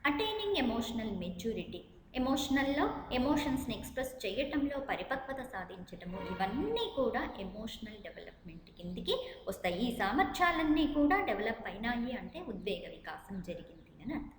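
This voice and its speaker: Animated woman teaching, echoey room. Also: a little high, a little hiss or hum. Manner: reads English definitions slowly, then explains each term in Telugu. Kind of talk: exam-prep lecture. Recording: echoey room with long reverb.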